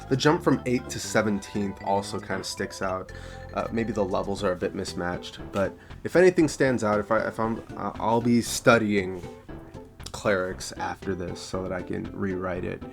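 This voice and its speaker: A man's voice: fairly low pitch, moderate pace, creaky, music in the background. A man casually reviewing homebrew tabletop rules, thinking aloud and repeating himself as he goes. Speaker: tabletop game content creator.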